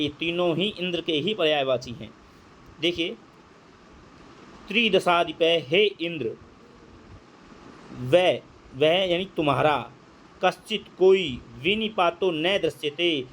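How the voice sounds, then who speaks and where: A man's voice: fairly high pitch, fairly bright tone, slight background noise. Man teaching Sanskrit line by line. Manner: reads Sanskrit slowly, then explains in Hindi. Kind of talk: line-by-line translation lesson.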